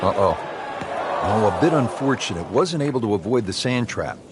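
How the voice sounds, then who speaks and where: A man's voice: lowish voice, big pitch swings, brisk. A man calling golf play-by-play, describing shots in short phrases. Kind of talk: golf commentary. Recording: light crowd and background noise. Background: faint crowd, outdoor ambience.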